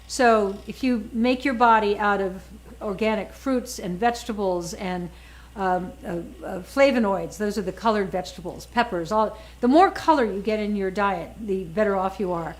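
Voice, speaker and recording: Poor audio carries the mid-range, moderately paced voice of a woman in her sixties. She's an author and guest in a casual chat, speaking emphatically and repeating words as she drives her points home.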